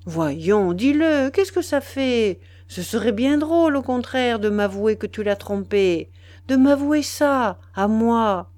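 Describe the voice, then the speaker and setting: A woman's voice: on the low side, sing-song, slow pace, a little mellow, no echo, full character voice. A woman reading the lines of a jealous young husband who keeps pressing and teasing his wife, in a storybook reading. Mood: insistent, teasing. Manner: coaxing, pressing, mocking.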